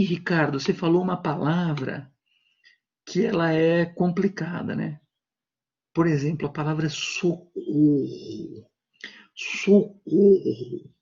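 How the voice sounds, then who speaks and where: A man's voice: a little high, creaky, husky, lo-fi sound. A man with a Brazilian Portuguese accent giving a university class over a video call, talking conversationally and acting out little voices in his examples. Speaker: university lecturer. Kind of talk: online class lecture.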